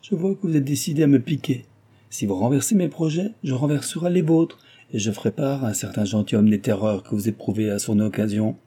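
A man's voice: on the low side, steady tone, quick pace, hardly any pauses, mellow, slightly rough. Male reader voicing a scheming lady of rank. Raised, teasing, mischievous. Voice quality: teasing, sly. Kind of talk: audiobook character voice.

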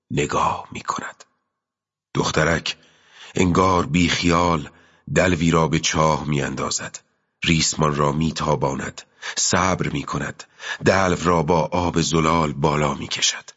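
A man reading a literary novel aloud as an audiobook narrator, in a slow, measured and intimate way. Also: extremely low pitch, little pitch movement, a bit bright, slightly rough. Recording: muffled with long reverb.

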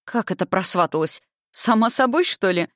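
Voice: medium pitch, animated, normal speed, a bit bright, no echo, clean studio sound, close to an everyday voice. An audiobook reader voicing a fussy middle-aged governess who speaks with emphatic, theatrical dismay. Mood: fretful. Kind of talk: audiobook reading.

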